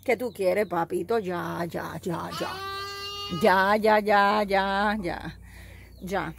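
Slow-talking woman cooing at farm animals. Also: mid-range voice, gravelly, noisy background. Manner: coos and soothes animals, laughs often. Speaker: evangelist filming her farm animals. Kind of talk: casual phone vlog with animals. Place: outdoor animal pens with goats and sheep. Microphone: handheld phone.

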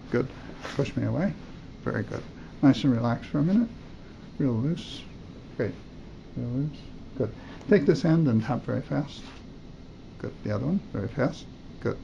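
In a dull, slightly noisy room recording, an older man working as a doctor instructs a patient through a clinical exam with short commands and brief encouragement. His medium-pitched voice has vocal fry and a dark tone.

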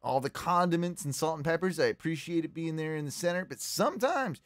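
A man's voice: fairly high pitch, a little fast, no room sound, clean studio sound. A man hosting a podcast, chatting loosely and with lots of swearing while he reacts to a clip. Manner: loose, profane, animated commentary. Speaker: podcast host. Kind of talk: casual chat reacting to a clip.

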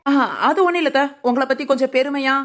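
A woman's voice: high voice, fairly even intonation, quick pace, natural voice. A woman voicing a cheeky, lazy young village daughter-in-law in a cartoon, teasing and talking back. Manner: sly, teasing, talks back. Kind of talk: cartoon voice acting.

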